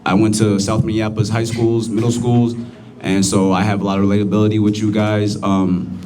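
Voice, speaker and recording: A man's voice: lowish voice, level tone, brisk, a little mellow. A young American man speaking earnestly to a youth gathering as a recovery advocate, plain-spoken with fillers. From United States.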